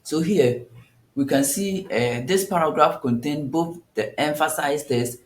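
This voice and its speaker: A man's voice: a little high, a little slow, slight background noise. A man teaching a coding tutorial step by step, thinking aloud and often restarting his sentences. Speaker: coding instructor. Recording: echoey room.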